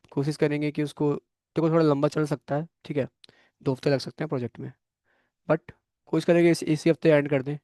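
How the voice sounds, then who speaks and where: A young man leads a programming class, speaking bluntly but encouragingly to students in the room and online. His voice sits a little high, and the recording is dry with almost no room sound. He keeps pausing to check that everyone is following. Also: darkish tone, no room sound. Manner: frank, coaching tone, frequent "theek hai" check-ins. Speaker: programming course instructor.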